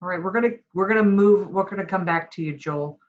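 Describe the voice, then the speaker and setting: A woman's voice: medium pitch, muffled recording. Woman instructor on a video call. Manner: brisk, calling on students one by one. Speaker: course instructor. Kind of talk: online class roll call.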